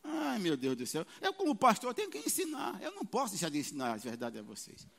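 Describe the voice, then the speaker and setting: High, animated preaching pastor in a reverberant hall. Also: male voice, fast, vocal fry. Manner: animated preaching with sudden loud peaks and quoted voices. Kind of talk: sermon. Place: church hall.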